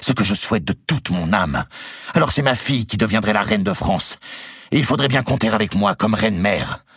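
A man reading an audiobook and voicing a proud, scheming young noblewoman who talks with sharp scorn and rises to shouts. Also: lowish voice, expressive, brisk, breathy edge, dry recording, studio quality, pitched above the performer's own voice. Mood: defiant. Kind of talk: audiobook character voice.

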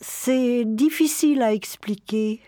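A woman voicing a calm, patient grandmother. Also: a little high, dry recording, studio quality. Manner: gentle, measured, sometimes hushed.

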